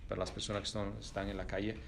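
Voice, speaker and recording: A middle-aged man, speaking Spanish as an in an interview as a company executive, thoughtful and pausing often with fillers. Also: on the low side, flat delivery, creaky, a little hiss or hum. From Italy. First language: Italian. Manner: thoughtful, pauses with many fillers and restarts. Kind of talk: reflective interview answers.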